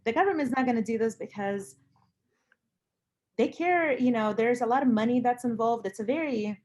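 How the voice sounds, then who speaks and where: A woman's voice: on the high side, fast talker, a little mellow. A woman from Lithuania, speaking casually and earnestly, with emphatic repetition. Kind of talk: casual conversation about personal views.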